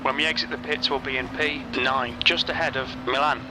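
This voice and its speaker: A man acting as race engineer and spotter, giving terse pit radio calls in a clipped, even delivery. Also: medium pitch, fairly quick. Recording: loud car engine noise behind. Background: race car engine and track noise.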